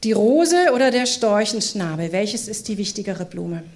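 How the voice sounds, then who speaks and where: A woman's voice: mid-range voice, sing-song, moderate pace, darkish tone, a little hiss or hum. A woman preaching a sermon at a church service, asking the congregation questions and drawing them into the talk. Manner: engaging, asks the congregation questions.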